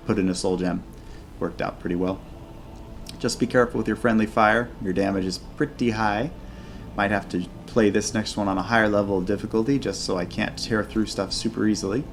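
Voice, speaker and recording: A man hosting a gaming channel, giving chatty mod showcase commentary and thinking aloud as he plays. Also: lowish voice. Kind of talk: casual video game mod showcase commentary.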